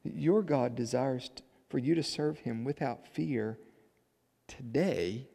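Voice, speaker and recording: Preaching man with gravelly voice, echoey hall. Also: slow pace. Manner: swings from loud emphatic declarations to quiet low asides. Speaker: pastor. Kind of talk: sermon. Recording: echoey hall with long reverb.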